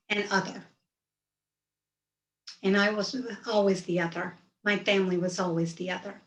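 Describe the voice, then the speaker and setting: A woman in her fifties from rural Georgia, USA, whose first language is Hindi, tells a personal story over a video call, setting scenes in vivid detail. Her voice is mid-range, the sound reverberant and the audio poor.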